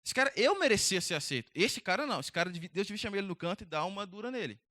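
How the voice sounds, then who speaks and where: A resentful young farmer grumbles under his breath about his brother's easy life, as a preacher acts him out. The voice sits a touch low and subdued, with a dry, close sound. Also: expressive, very fast, pushed and bright, no echo. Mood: bitter, jealous. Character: resentful jealous farmer Cain, young man.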